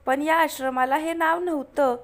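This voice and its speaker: A woman voicing a sulky, excitable young wife in a spoken story. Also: sits high, a little slow. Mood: irritated. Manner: irritated, exclaiming.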